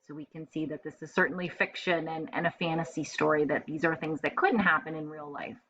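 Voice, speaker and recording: A crowd can be heard behind this woman teacher, whose low voice stays steady in tone and runs a little fast. She reads a storybook expressively to first graders with simple explanations, and the home recording is dull, lo-fi and faintly noisy.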